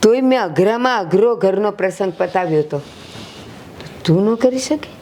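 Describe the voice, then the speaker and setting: A woman's voice: mid-range voice, lively intonation, mellow, slight background noise, natural voice. An actress playing an elderly mother who patiently consoles her grown son in a short film. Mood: reassuring. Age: older. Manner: slow, reassuring, motherly.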